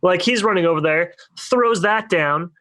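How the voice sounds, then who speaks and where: A man's voice: high-pitched, normal speed, bright, forceful tone, slight background noise. A young man, co-hosting a casual podcast and telling a long rambling story full of fillers. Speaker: podcast co-host. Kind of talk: casual storytelling among friends.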